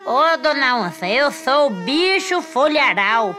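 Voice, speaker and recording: Wheedling, cheeky trickster monkey played by a woman for a children's tale, high and mock-respectful, over music. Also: very animated, slow, full character voice. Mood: sly. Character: clever, cheeky male monkey disguised as a leafy beast. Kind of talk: children's story character voice.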